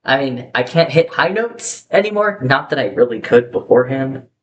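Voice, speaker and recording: A chatty young man vlogs to his camera at normal speed, animated and candid, rambling with many fillers and self-corrections. The sound is muffled, with a faint hiss from the poor camera mic.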